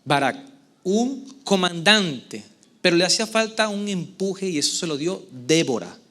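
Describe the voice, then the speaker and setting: A man preaching a sermon as pastor to a church congregation, with expressive delivery and frequent questions to the listeners. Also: high voice, measured pace. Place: church service before a congregation.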